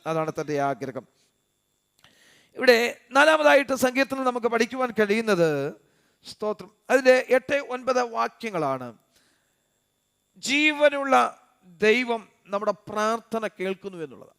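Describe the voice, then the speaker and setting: High, clear-voiced fervent male preacher. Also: big pitch swings, moderate pace, long pauses. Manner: fervent preaching, swings from loud to quiet; punctuates phrases with a murmured praise word. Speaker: pastor. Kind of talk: sermon.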